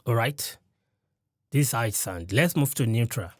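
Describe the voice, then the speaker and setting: A man's voice: medium pitch, lively intonation, moderate pace, dry recording. Man demoing a studio mic, dry sound. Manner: explanatory, walks through settings step by step. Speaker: gear reviewer. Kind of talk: mic test demonstration. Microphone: studio condenser mic close up.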